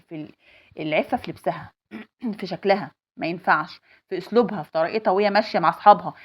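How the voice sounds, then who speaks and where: A woman's voice: mid-range voice, muffled recording. A woman in her forties with an Egyptian accent, giving insistent advice to other mothers and repeating her points emphatically.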